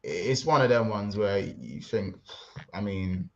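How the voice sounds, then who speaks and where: A man hosting a casual football livestream, rambling and excitable, reading out chat messages. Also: lowish voice, takes it slowly, muffled recording. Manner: excitable, rambling, London slang. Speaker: livestream host.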